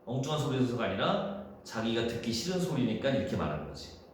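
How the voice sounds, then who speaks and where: A man teaching a high school Korean class, talking casually through exam questions and thinking aloud. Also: big pitch swings, fast talker. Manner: casual, thinks aloud, acts out quoted dialogue in a raised voice. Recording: echoey room with faint noise.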